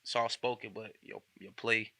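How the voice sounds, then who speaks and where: Young man, host, relaxed slangy chat, low gravelly voice. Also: a little slow, no echo. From Indianapolis. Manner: laid-back, slangy, filler-heavy. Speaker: podcast host. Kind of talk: casual interview chat.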